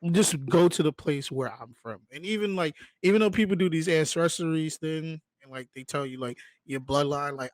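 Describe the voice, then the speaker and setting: Man from Guyana, slightly high voice, dry close sound, casual podcast chat, says "like" a lot. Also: no room sound. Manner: relaxed, fills every phrase with "like". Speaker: podcast co-host.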